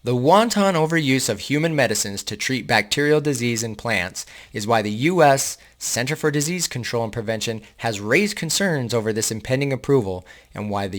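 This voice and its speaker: A man reads an article aloud in a medium-pitched voice. He keeps stopping to talk straight to his viewers in a loose, casual way. His asides come out sarcastic and indignant. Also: a bit bright. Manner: casual, addresses viewers as guys. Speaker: host reading and commenting on an article. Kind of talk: casual commentary while reading aloud.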